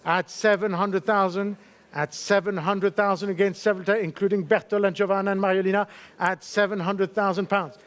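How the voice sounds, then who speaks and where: A man's voice: sits high, fairly even intonation, brisk, a bit bright. A man working as a fine art auctioneer, calling bids in repeated figures and politely coaxing bidders with short questions. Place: auction saleroom in London.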